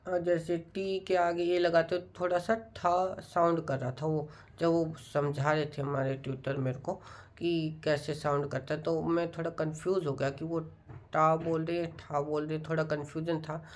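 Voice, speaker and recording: A man talking casually to viewers in a study vlog, explaining things in an unhurried, musing way. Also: a little high, level tone. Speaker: student vlogger.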